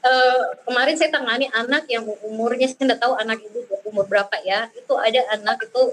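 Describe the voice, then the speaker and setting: A woman speaking on parenting as a child therapist, talking slowly with many fillers and repeated words. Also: a little high, a crowd in the background, poor audio. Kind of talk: talk on parenting with audience questions.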